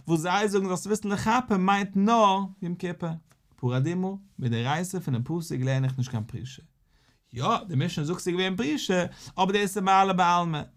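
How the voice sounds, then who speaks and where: A man with a Yiddish accent giving a Talmud lesson as a rabbi, in a rising and falling study cadence. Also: fairly high pitch. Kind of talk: Talmud lecture.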